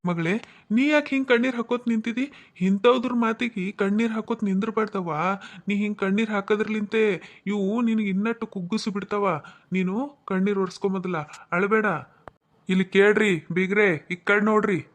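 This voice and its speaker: A man's voice: high-pitched, fairly even intonation, moderate pace, lightly acted. A man voicing a stern middle-aged father in a cartoon who lectures and threatens, with a North Karnataka accent. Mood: comforting. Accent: North Karnataka Kannada. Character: stern middle-aged father defending his widowed daughter. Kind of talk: cartoon voice acting.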